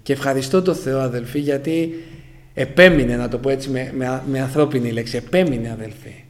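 Man giving an emotional church testimony. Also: medium pitch. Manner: keeps addressing the listeners as brothers; fragmentary, emotional storytelling, voice sinking at phrase ends. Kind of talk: personal testimony to a congregation.

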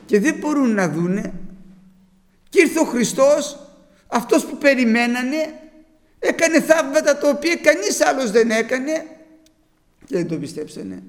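A man's voice: very high-pitched, big pitch swings, long pauses, long reverb tail. A man preaching a sermon, quoting scripture emphatically and firing off rhetorical questions.

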